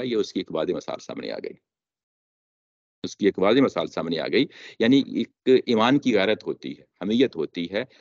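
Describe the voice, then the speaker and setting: Speaking in a fairly low, darkish voice, a man delivers a religious lecture as a Quran teacher. He recites verses and repeats important phrases for emphasis, captured in a dull, dry, lo-fi recording.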